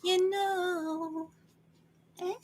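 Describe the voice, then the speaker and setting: A woman's voice: very high-pitched, little pitch movement, very slow, very noisy. A woman in her late thirties co-hosting a livestream, chatting in a rambling, casual way and reading out viewer names. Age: late 30s. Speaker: co-host of a horror watch-party stream.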